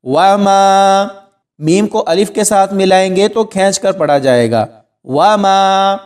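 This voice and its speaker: A man with a notably high voice gives a recitation lesson. He explains the rules of pronunciation step by step and stretches the words out slowly as he demonstrates them. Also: animated, darkish tone. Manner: instructive, slow drawn-out recitation of Arabic words. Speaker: Quran recitation teacher.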